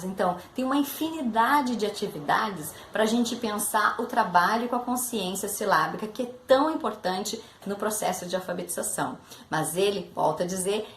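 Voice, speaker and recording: A Brazilian woman teaching about literacy, walking her listeners through each step with concrete examples. Her voice sits at an ordinary middle pitch. The room around her is echoey, with a faint hum underneath. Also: fairly bright tone. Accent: Brazilian Portuguese. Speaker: literacy education professor. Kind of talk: explanatory teaching talk.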